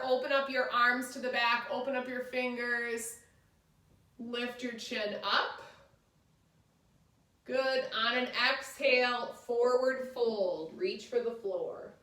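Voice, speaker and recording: A woman's voice: high-pitched, bright, forceful tone. A woman yoga instructor guiding a chair class, giving short step-by-step cues. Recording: echoey room, distant microphone.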